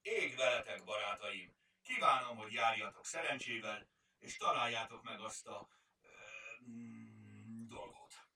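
A man's voice: fairly low pitch, gravelly, bright, forceful tone, full character voice. A man voicing a proud, bearded male border guard in a storybook, speaking in a dignified, advising way. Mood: playful. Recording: roomy, distant mic.

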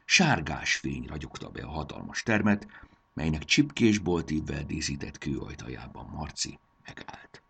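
A man reading a children's adventure story aloud in an expressive way. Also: a bass voice, creaky, breathy edge.

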